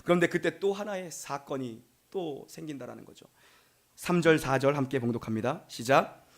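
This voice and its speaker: A man's voice: a little high, normal speed. A male pastor from Gyeonggi Province giving a Sunday sermon in a chatty storytelling way, acting out bits of dialogue. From Gyeonggi Province, Korea.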